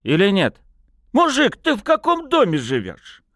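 Drunk young accordion player, rowdy and brash, high hollering voice. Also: male voice, wildly swooping pitch, measured pace, no echo, studio quality, exaggerated voice. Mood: indignant. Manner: loud, slurred, brash hollering.

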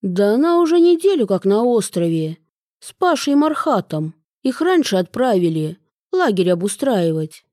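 A woman's voice: mid-range voice, very animated, moderate pace, dark tone, dry recording, studio quality, natural voice. A woman voicing a cheerful, joking middle-aged man in an audiobook, chummy and teasing.

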